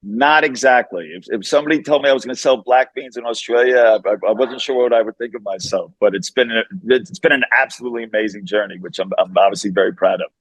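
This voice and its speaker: A man's voice: medium pitch, fast talker, hardly any pauses, no room sound, low-quality recording. A man with a Brooklyn, New York accent, chatting informally as an interview guest and peppering his talk with casual asides. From Long Island, New York. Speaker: fast-food founder, interview guest.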